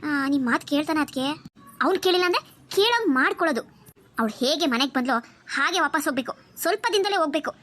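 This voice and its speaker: A woman voicing a stern, scheming middle-aged mother-in-law villain in a cartoon, plotting in a low, bossy voice. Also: expressive, racing, fairly bright tone. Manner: plotting, domineering. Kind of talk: cartoon voice acting.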